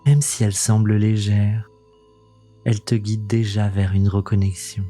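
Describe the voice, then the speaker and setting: A man leading a guided meditation in a soothing, gentle, intimate voice that sounds close to the ear, unhurried and calming, as the host of the practice. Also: lowish voice, faint music behind. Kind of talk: slow guided meditation narration.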